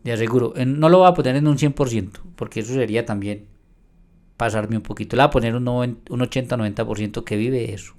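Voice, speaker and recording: A man of ordinary pitch who teaches scripture in a video reply. He reads passages slowly and with weight, then turns to argue straight at another pastor. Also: darkish tone. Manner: emphatic, reads verses aloud and argues; addresses a rival pastor directly. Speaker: Bible teacher.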